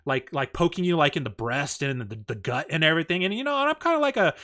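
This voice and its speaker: A man chatting casually on a podcast, telling a story in an animated, profane way and acting out the quoted lines. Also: a little high, fast. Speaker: podcast host.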